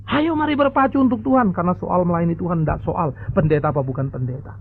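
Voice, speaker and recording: A male pastor preaching a sermon in a lively, exclaiming way, often speaking straight to the congregation. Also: high-pitched, quick pace, creaky, husky. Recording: narrow phone-like lo-fi audio.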